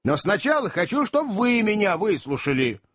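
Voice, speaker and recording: A sly, kind-hearted traveller from an audiobook, played by a man. He speaks with a knowing, confiding air. His husky voice rises and falls in lively swings. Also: high voice, moderate pace, pitched above the performer's own voice, exaggerated voice. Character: sly, good-hearted male traveller, mysterious and teasing.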